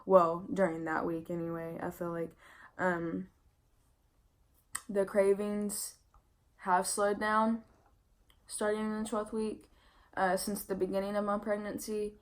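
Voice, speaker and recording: Young woman vlogger, pregnant and worn out, casual and candid, level monotone delivery. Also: mid-range voice, slow, pauses often. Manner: chatty and candid, lots of "like" and "I mean" fillers. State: pregnant and tired, yawning. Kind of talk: casual pregnancy update vlog.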